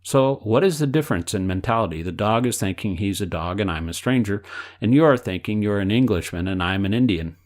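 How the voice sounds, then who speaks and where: A man reading the part of an elderly spiritual teacher, patient and instructive. The delivery is measured and read from a book, with quote marks spoken aloud. The voice sits a little low. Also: animated, a little mellow, lightly acted. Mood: explaining.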